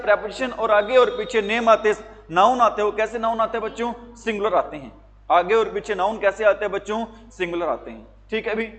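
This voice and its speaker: High-voiced male teacher quizzing a class. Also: a bit bright, in a large hall. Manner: quizzing students with repeated questions. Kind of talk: classroom grammar lesson.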